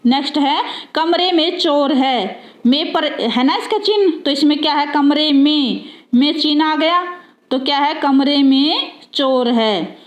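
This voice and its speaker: A woman's voice: high voice, measured pace, reverberant. A woman teaching a grammar lesson, repeating definitions and asking her students rhetorical questions.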